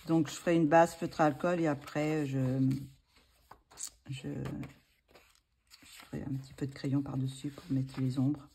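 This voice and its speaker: A woman's voice: low voice, level tone, a little slow, long pauses, mellow, slight background noise. A woman talking casually as a vlogger, hesitant and full of fillers as she thinks aloud. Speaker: vlogger showing coloring books. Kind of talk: casual chat.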